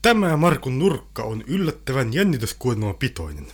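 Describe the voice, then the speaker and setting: A man's voice: medium pitch, big pitch swings, heavy background noise. A man hosting a comedic radio segment with a playful, mock-formal delivery. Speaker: radio host.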